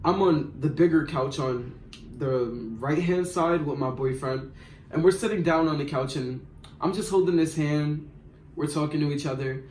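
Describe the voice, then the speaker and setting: A man's voice: fairly high pitch, moderate pace. Slangy young New man, roomy echo. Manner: slangy, rambling, animated retelling. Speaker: vlogger. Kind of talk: casual storytime.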